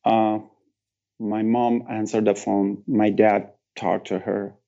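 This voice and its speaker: Slow, gravelly man telling his story. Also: fairly low pitch, little pitch movement, mellow, highs cut off. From Afghanistan. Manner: slow, halting, with broken phrasing and emotional pauses. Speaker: guest. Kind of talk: personal storytelling in an interview.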